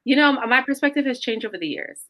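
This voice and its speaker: Bright-voiced earnest woman guest. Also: high voice, fast talker. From Caribbean roots. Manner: earnest, emphatic, animated storytelling. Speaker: podcast guest. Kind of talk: casual faith talk.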